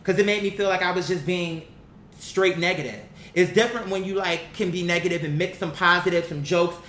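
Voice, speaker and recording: A vlogger offers casual, opinionated commentary, blunt, slangy and emphatic, speaking fairly quickly with a fairly bright tone. The recording has a roomy echo and a faint rumbling noise in the background.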